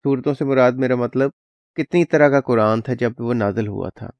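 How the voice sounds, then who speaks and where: Explaining a clip for his channel, a man talks plainly and casually, weaving English words into his speech. His mid-range voice has a darkish tone, with no echo.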